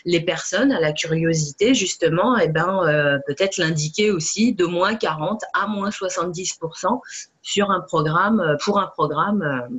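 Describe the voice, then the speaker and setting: A woman's voice: fairly low pitch, moderate pace, husky. Hesitant woman, lots of fillers. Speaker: network marketing distributor. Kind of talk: casual talk to camera.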